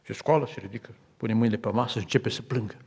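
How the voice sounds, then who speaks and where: A man's voice: fairly low pitch, gravelly, darkish tone, breathy edge. A man from Romania preaching a sermon to his congregation, telling stories and quoting others. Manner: storytelling with acted quotes, building to fervent appeals. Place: large church hall. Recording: reverberant church hall.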